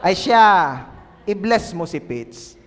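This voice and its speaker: A man voicing God in a sermon skit, speaking slowly and gently commanding, in a reverberant church hall. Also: very animated, heavily acted. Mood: insistent. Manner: slow, low, gently commanding.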